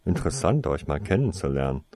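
Sharp-tongued teen wizard, read by a man, sarcastic, animated pitch. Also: quick pace, no echo, full character voice. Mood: defiant. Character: defiant teenage boy wizard, sharp-tongued.

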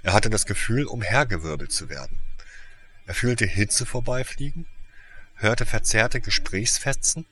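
Deep forceful male storyteller. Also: measured pace, slight background noise. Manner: steady storytelling narration. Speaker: narrator. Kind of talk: audiobook reading of fan fiction.

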